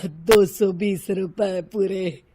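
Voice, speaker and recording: Brief: meek, pleading vegetable seller man, voiced by a woman, slow cartoon delivery. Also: medium pitch, fairly even intonation, warm tone. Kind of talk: animated cartoon dub.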